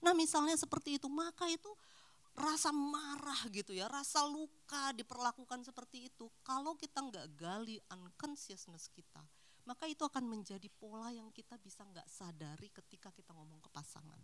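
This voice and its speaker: A woman's voice: on the high side, brisk. A middle-aged woman counselor talking casually to a church couples' group, acting out short everyday dialogues as she goes. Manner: animated, acts out little dialogues. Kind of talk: casual talk.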